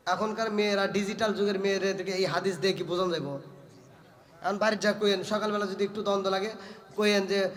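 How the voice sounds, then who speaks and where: A man preaching a sermon to a crowd, shouting and chanting in a sing-song style and often asking the listeners to agree. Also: big-room sound. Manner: loud, sing-song preaching, swinging from shouts to low asides; asks the crowd for agreement again and again. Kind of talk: Bengali waz sermon to a crowd.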